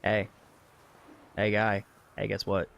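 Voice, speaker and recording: A man's voice: fairly low pitch, completely flat delivery, slow pace, vocal fry, a bit bright, dull audio, slight background noise. A man streaming a video game, joking, swearing and reading game text aloud. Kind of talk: gaming livestream commentary. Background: faint game music.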